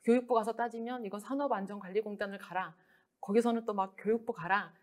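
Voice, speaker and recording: At a book talk, a female author speaks in a soft, measured manner, pausing often and using lots of fillers. Her voice sits in the mid range.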